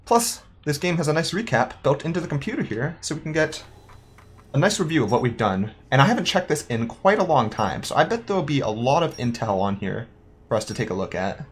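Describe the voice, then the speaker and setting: A young man, a student, chatting casually through a game playthrough, reading in-game notes aloud and thinking out loud. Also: a little high, very animated, brisk, husky. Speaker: gaming YouTuber. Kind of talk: casual let's-play commentary.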